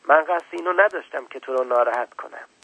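A proud old scientist who lectures in a condescending tone, as a male narrator plays him. His voice is gravelly and husky, and it sits a little high. He brushes off a child's objections with impatience. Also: pushed and bright, dry recording, exaggerated voice, low-quality recording. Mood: lecturing.

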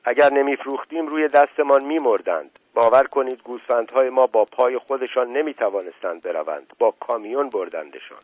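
A man's voice: medium pitch, few pauses, dry recording, muffled recording, lightly acted. A man voicing a proud, hot-tempered young man who protests and defends himself. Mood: indignant. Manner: indignant, protesting.

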